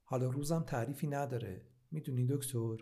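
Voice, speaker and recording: A man voicing a troubled, ashamed male patient in a read-aloud story, speaking quietly and shakily. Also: medium pitch, creaky. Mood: shaky. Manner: quiet, shaky voice. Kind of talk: storybook reading.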